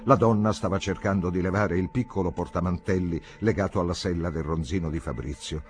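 A man reading a classic novel aloud as an audiobook, with an expressive, measured storytelling manner. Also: sits low, breathy edge. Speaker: audiobook reader.

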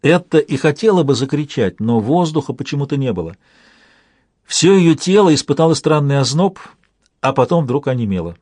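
A man reading a fantasy audiobook in steady scripted narration. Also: a little high, moderate pace, no room sound, clean studio sound.

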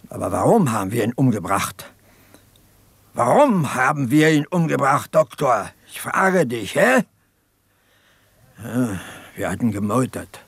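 A haunted peasant partisan in an old radio drama, slow and heavy with guilt. His voice is gravelly and husky, each phrase dragged out and pressed close to the mic in a dry, dead studio. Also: lowish voice, a bit bright, no room sound, heavily acted. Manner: brooding, halting, pleading confession. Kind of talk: 1950s radio drama acting.

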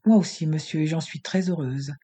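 A man's voice: a little high, brisk, mellow, lightly acted. A man voicing a defiant young woman. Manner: cold, firm, contemptuous.

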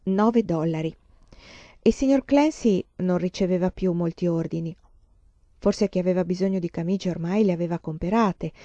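A woman reading a novel aloud in a calm, even storytelling voice. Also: on the low side, normal speed, no echo, muffled recording. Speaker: reader. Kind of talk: audiobook reading.

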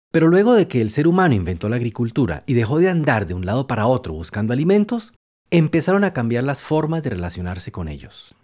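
A man, host of a children's program, narrating a storybook and talking directly to the young listener. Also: medium pitch. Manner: warm, addresses listener directly. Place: home studio, dog beside him.

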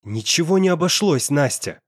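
A young man in pain, voiced by the male narrator, speaking in a low, husky murmur that sits below the reader's own voice. The delivery is dry and close. This is storybook drama. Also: animated, normal speed, a little mellow, dry recording. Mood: cold. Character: young man, hushed, cold and pained.

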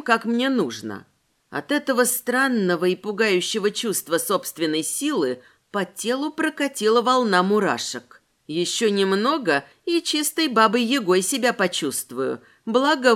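A woman reading a fantasy novel aloud in the first person, her pitch rising and falling with lively movement. She keeps a storyteller's pace and leans into the heroine's nervous asides. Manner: expressive, voices the heroine's fears. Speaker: audiobook narrator.

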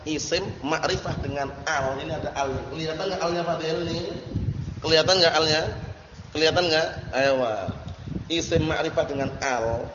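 Here a man's fairly high, fairly bright voice is heard teaching Arabic grammar, informally drilling his students. He poses questions repeatedly and keeps checking that they understand. The clip was captured in an echoey hall and sounds muffled, with noise behind him.

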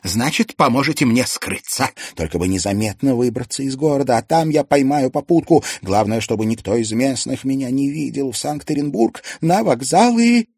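A man's voice: medium pitch, expressive, normal speed, few pauses, a little mellow, breathy edge, no room sound, clean studio sound, pitched above the performer's own voice. A male audiobook reader playing a frightened, tearful mother who pleads and hisses in a half-voice. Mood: pleading. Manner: pleading, sobbing, hissing in a half-voice. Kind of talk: audiobook character voice.

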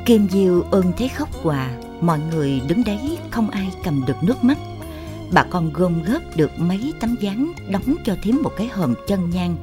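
A woman reading a novel aloud for radio with expressive storytelling. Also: fairly low pitch, breathy edge. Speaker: story reader.

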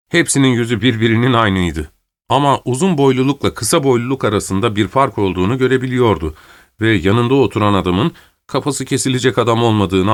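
A man calmly reading a story aloud as narrator, in a measured way. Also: mid-range voice, no room sound, clean studio sound.

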